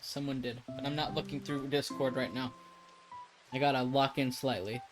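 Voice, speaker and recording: A man's voice: medium pitch, steady tone, moderate pace, over music. A man in his thirties chatting casually on a live stream, rambling and laid-back with lots of fillers.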